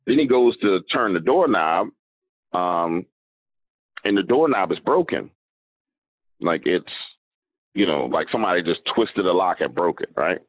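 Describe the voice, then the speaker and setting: A man, a podcast guest, telling a long story in a relaxed, conversational way, often checking in with "right?". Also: low-pitched, no room sound. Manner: unhurried storyteller, leaning on "right?" and "um". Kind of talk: casual storytelling. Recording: dry tinny phone-like line.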